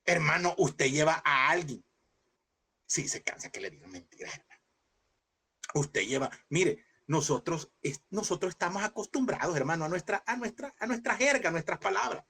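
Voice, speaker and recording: A man teaching a Bible seminary class in a lively preaching style, asking rhetorical questions and acting out scenes in sudden high shouts. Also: normal speed, breathy edge. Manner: animated, mimics voices with sudden high shouts; addresses listeners as brother, rhetorical questions.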